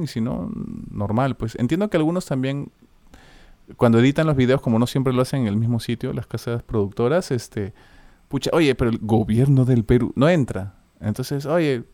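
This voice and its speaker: A man in his forties, a voice-over announcer with a Peruvian Spanish accent, chats casually in a mid-range, slightly mellow voice with no room sound. He's easygoing and rambling, tagging his lines with "¿no?".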